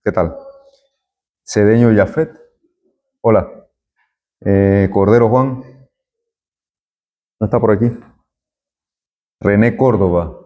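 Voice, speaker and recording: A man's voice: lowish voice, takes it slowly, pauses often, lo-fi sound. A middle-aged man, a university lecturer taking roll and chatting with students in a classroom. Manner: friendly, chatty, jokes with students.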